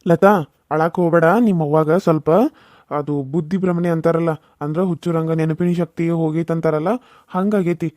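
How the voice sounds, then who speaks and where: A man's voice: fairly high pitch, little pitch movement, darkish tone, no room sound, studio quality, lightly acted. A man voicing a stern but comforting village uncle with a North Karnataka Kannada accent. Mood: reassuring. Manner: fast, firm reassurance.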